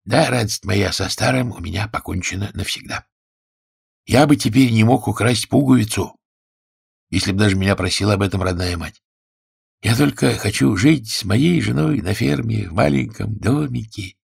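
A man's voice: lowish voice, normal speed, vocal fry, breathy edge, full character voice. A man reading a story aloud and voicing a reformed male crook who speaks fondly and coaxingly to his fiancée. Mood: reassuring. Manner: fond, gently coaxing. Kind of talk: audiobook character voice.

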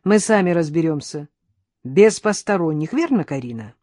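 A woman's voice: low-pitched, animated, normal speed, mellow, no echo, studio quality. A woman reading an audiobook and voicing a fussy, ingratiating bald man from next door. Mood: snippy. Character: fussy bald little male neighbor, ingratiating.

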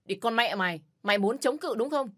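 A woman's voice: mid-range voice, moderate pace, fairly bright tone, lightly acted. A woman doing a crude, snarling brute of a man. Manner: leering, snarling threats. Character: brutal abusive adult man, crude and threatening.

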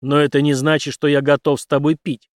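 A man reading an audiobook, voicing a huge burly bar owner who booms and grumbles. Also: flat delivery, brisk, dry recording, clean studio sound, natural voice. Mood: booming. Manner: booming, gruff.

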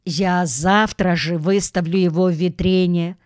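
A kindly older shopkeeper in a storybook, gentle and soothing, as a woman reads him. He speaks slowly, with a smooth, clear voice, close and dry. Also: on the low side, fairly even intonation, dry recording, natural voice. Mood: reassuring.

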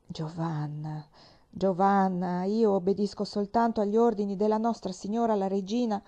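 Stern, measured male bishop, lowered voice, warm tone; a female narrator voices him. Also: fairly even intonation, dull audio, natural voice. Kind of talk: dramatic reading of a novel.

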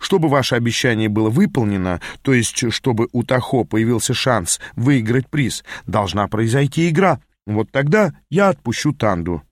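A man's voice: mid-range voice, lively intonation, normal speed, hardly any pauses, dry recording, clean studio sound, close to an everyday voice. A man reading an audiobook, voicing a wily former male demon hunter who speaks smugly.

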